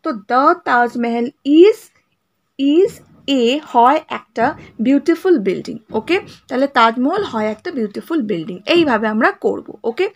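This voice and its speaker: High-voiced woman teaching grammar. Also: expressive. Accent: Bengali. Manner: patient, checks understanding with frequent "right?" and "okay?"; reads example sentences slowly word by word. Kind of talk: grammar lesson explaining a worksheet.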